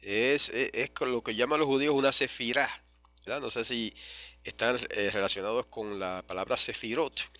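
Bright, dry-voiced man teaching a sermon. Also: medium pitch, fairly even intonation, dry recording. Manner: explanatory, repeats and spells key terms, addresses listeners as brothers; measured, with frequent pauses and restarts, asks "¿verdad?" often. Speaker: preacher teaching on Revelation.

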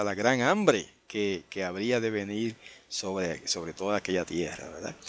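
A male preacher explaining a scripture passage to his congregation in a sermon, often checking in with quick tag questions and restarting phrases, and slowing down to read the verses aloud. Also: mid-range voice. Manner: reads scripture aloud in a slower, lifted tone. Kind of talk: Bible study sermon.

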